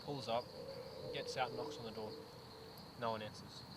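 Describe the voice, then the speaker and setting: A young man acting in an amateur film, casually telling a scary story by a campfire, often dropping his voice low. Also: steady tone, moderate pace, heavy background noise, close to an everyday voice. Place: outdoors at night in the bush. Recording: outdoor night, loud insects.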